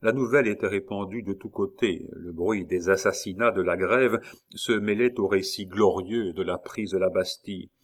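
A man reading a historical novel aloud in a measured, dramatic narration. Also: low voice. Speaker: audiobook narrator. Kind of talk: scripted narration.

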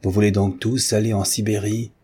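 An imperious young countess barks orders at a mob in a storybook reading, put on by a man with a husky, dark voice raised a little. She sounds scornful and fully in charge. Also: fairly low pitch, level tone, fairly quick. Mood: commanding. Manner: imperious, scolding.

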